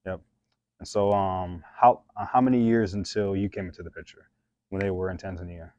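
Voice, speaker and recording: A man's voice: low voice, fairly even intonation, a little fast, mellow, lo-fi sound. A man hosting an interview, asking long, laid-back, rambling questions with fillers. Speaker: host. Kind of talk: casual interview.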